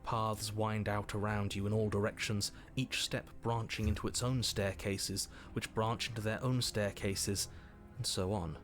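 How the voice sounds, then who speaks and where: Sex: male. Figure: a wry narrator of a horror game. Delivery: dry, measured, low-pitched, with faint music underneath. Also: flat delivery.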